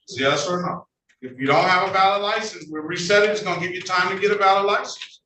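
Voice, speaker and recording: Firm judge in an echoey courtroom recording. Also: male voice, high-pitched, steady tone, pushed and bright. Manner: brisk and firm, cuts people off. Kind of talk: courtroom proceedings. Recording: echoey courtroom audio from a distant mic, noisy.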